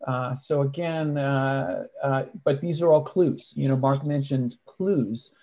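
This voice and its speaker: A man's voice: medium pitch, slow pace, dark tone. A man moderating an online medical case discussion, explaining points in a teaching tone and putting questions to the other panelists.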